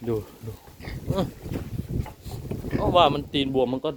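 A man's voice: on the high side, expressive, unhurried, noisy background. A man talking casually to viewers in a farm vlog. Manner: chatty, addresses viewers often. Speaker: vlogger raising pigs.

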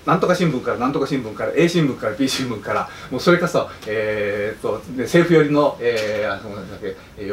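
A man, a film director, speaking to an audience at a talk event, animated and storytelling, now and then slipping into playful dialect impressions. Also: medium pitch. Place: theater or event hall. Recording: roomy hall, distant mic, faint noise.

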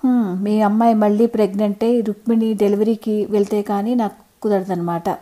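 A woman voicing a gentle, lonely single woman in her fifties in a storybook reading, soft-spoken and wistful. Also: medium pitch, steady tone, fairly quick, natural voice.

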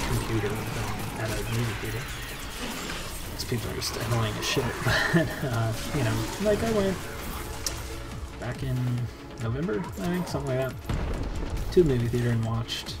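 A man's voice: medium pitch, normal speed. A young man rambling drunkenly and profanely in a loose, repetitive casual rant while he streams a game. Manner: loose, circling, repeats himself. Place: indoor room, streaming at a computer. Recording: loud game music behind. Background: loud game music.

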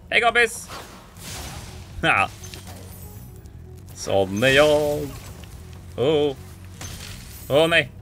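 A man giving casual, excitable commentary as he plays a video game, with frequent exclamations and playful sound effects. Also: medium pitch. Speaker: let's player.

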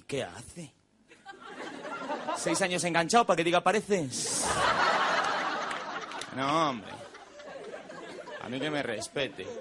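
A man performing a stand-up monologue on stage, delivering quick deadpan punchlines and mimicking his relatives. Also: mid-range voice. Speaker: stand-up comedian. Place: stage before a live audience. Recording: stage recording with audience laughter and noise.

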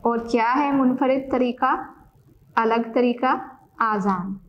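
Slow, deliberate woman teacher. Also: fairly high pitch, lo-fi sound. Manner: slow, deliberate, repeats words for dictation; corrects herself mid-sentence. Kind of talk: classroom lesson.

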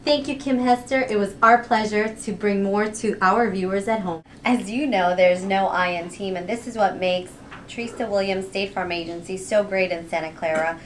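Holding a handheld mic in a red-walled office room, a woman in her thirties enthusiastically hosts a promotional interview for community TV. Her medium-pitched voice stays steady over slight background noise, and she carefully spells out a web address at a slow pace.

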